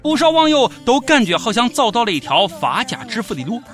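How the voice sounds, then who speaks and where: Shaanxi-accented man, high-pitched sarcastic commentator. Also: big pitch swings, brisk, fairly bright tone, soft background music. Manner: sarcastic, mocking. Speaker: host of a comic news show. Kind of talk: scripted satirical news commentary.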